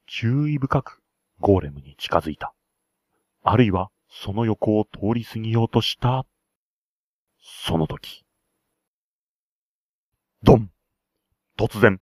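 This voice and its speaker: Husky man narrating a tabletop scenario. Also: on the low side, lively intonation, normal speed, a little mellow, no echo, studio quality. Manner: chatty, enthusiastic side remarks. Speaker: game master.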